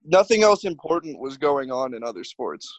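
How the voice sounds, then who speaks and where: A man's voice: medium pitch, sing-song, normal speed, no echo, muffled recording. A man hosting a sports podcast in casual chat, wry and teasing, moving between topics. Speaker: podcast host.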